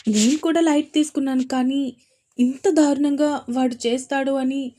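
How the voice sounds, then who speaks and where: Worried guilty little sister woman putting her on, high pleading voice. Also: steady tone, normal speed, warm tone, a little hiss or hum, lightly acted. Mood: guilty anxious. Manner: pleading, higher and breathless confession. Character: anxious guilty young sister.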